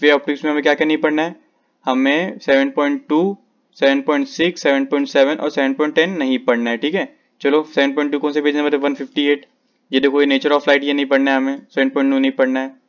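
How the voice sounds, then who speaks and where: A man's voice: medium pitch, clean tone, dull audio. A male physics teacher, walking students through which textbook sections to skip, repeating page numbers and instructions over and over. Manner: repetitive, instructive, page-by-page directions. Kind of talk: syllabus walkthrough lesson.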